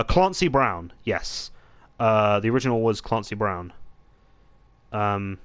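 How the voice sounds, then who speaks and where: A man chatting casually as he commentates his gameplay, rambling with many pauses and restarts. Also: fairly low pitch, a bit bright, no room sound. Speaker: gaming channel host. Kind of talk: let's-play gameplay commentary.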